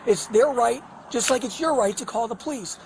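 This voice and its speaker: A hoarse man working as a police officer, firm and patient, repeating himself to be heard. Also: very high voice, moderate pace, a little hiss or hum.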